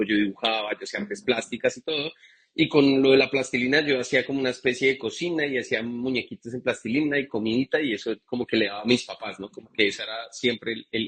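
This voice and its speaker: Husky Colombian man telling his story. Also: mid-range voice, a bit bright. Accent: Bogotá Colombian Spanish. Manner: chatty, frequent fillers and restarts. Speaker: guest bartender. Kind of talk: live interview storytelling.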